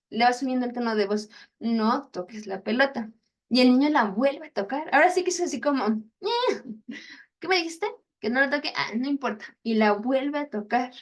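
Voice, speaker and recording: Young woman chatting through a faith lesson, kinda high voice, does little inner-voice bits, laughs at herself. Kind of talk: casual teaching talk.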